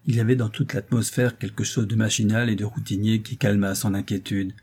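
A man narrating a novel as an audiobook reader, in a calm, measured delivery. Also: lowish voice, slightly rough.

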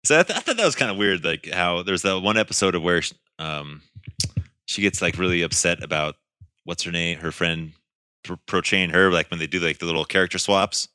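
Deep, fast-talking man in casual chat. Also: bright, forceful tone, clean tone, no room sound. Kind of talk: casual chat reviewing a TV show.

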